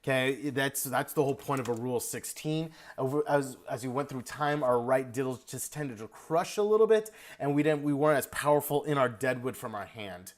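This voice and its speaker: Male drum instructor, energetic feedback delivery, sings rhythms, mid pitch. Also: fairly quick, few pauses. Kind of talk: video lesson feedback.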